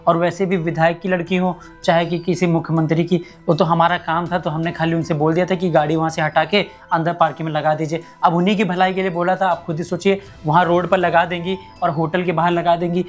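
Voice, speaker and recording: A man's voice: fairly high pitch, level tone, fairly quick, hardly any pauses, faint music behind, close to an everyday voice. A man playing a poor, humble security guard who pleads and complains about his bosses. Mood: pleading. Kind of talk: amateur short-film acting.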